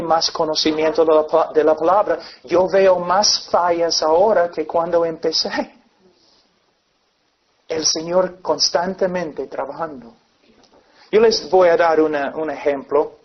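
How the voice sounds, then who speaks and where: A man preaches earnestly, with his voice sitting a little high. He drives his points home by acting out scenes. The sound is dull and lo-fi. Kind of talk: sermon. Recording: dull lo-fi recording.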